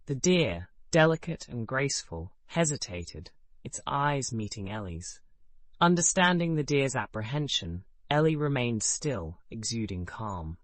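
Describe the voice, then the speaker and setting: Here a man tells a scripted bedtime story with a mid-range voice and no room sound. He keeps it calm and measured, and his sentences taper off as they finish.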